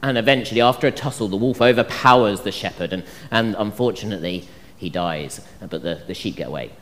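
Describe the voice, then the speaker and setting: A man's voice: on the low side, fairly quick, a bit bright. A man preaching a sermon, telling the story with energy and acting out the voices he quotes. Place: church hall. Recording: long reverb of a church hall.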